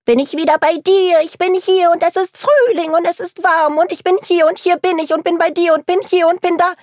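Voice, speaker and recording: A woman's voice: very high-pitched, fairly even intonation, brisk, a little mellow, dry recording, studio quality, voice pushed up. A woman voicing a small, lonely young male troll creature in a storybook reading, with an anxious, pleading manner. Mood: exuberant singing.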